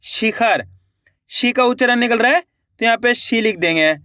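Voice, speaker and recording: A man teaching spelling slowly and patiently, asking the viewer questions, repeating each word and dropping low as he finishes it. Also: lively intonation, sharp tone, no echo, studio quality. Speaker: Hindi writing teacher. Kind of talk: slow, patient spelling lesson.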